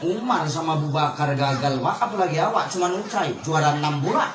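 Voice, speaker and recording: A man's voice: a little high, animated, a little fast, noisy background. A man preaching a humorous sermon, telling stories animatedly and acting out voices. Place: religious gathering with a laughing audience. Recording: echoey PA sound from far off, crowd laughing.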